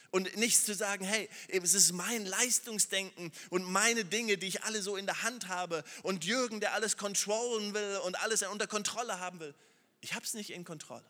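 A man preaching, his voice bright and a little high, in a large hall with a long reverb tail. He swings between urgent, raised appeals to the listeners and quiet, hushed passages of prayer. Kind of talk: sermon.

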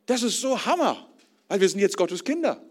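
Lively high-voiced male preacher. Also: moderate pace. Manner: lively, enthusiastic, colloquial, repeats words. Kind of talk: casual sermon.

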